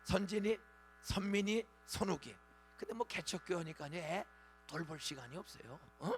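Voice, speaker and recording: A man in his sixties, a pastor preaching a dawn revival sermon in a church, with lively call-and-response prompts to the congregation. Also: high voice, moderate pace, faint music behind. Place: church sanctuary.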